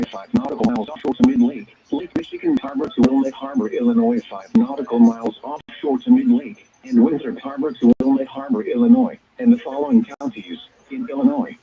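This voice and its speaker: In a tinny, narrow-band weather radio broadcast, a man's synthetic, stilted voice formally reads scripted weather alerts like a radio announcer. His voice is very high and creaky, and he speaks in choppy phrases.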